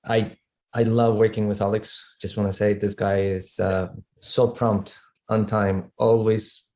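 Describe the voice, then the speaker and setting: Low, even-toned man chatting. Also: unhurried. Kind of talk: casual live broadcast chat.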